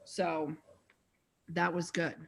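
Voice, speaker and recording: A woman's voice: on the low side, little pitch movement, extremely slow, gravelly. A woman hosting a casual video call meeting, chatting loosely with many restarts. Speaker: meeting host.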